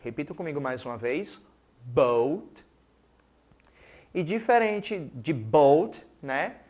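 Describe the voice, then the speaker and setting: Slow, lively teacher. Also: medium pitch. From Pernambuco, Brazil. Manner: keeps checking in with "certo?" and "né?"; speaks English words slowly for pupils to repeat. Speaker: English teacher. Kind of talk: recorded school TV lesson.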